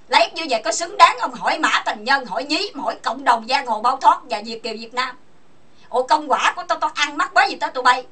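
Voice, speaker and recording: Woman, angry voice-chat rant, high and bright, slightly distant from the mic. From Vietnam. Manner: angry, accusing, insulting, asks listeners for agreement. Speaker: online chat room host.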